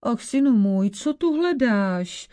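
A woman voicing a hunched old witch in a folk tale, speaking slowly and gravely like a worried grandmother. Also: on the high side, lively intonation, mellow, lightly acted. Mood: grave warning. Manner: slow, warning, grandmotherly. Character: old hunched witch Ježibaba, female, caring but grave.

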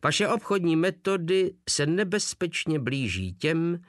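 A man's voice: on the high side, lively intonation, no room sound, studio quality, pitched above the performer's own voice, lightly acted. A man voicing a small, pompous old field marshal who spits out his words with contempt, in an audiobook reading. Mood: scornful.

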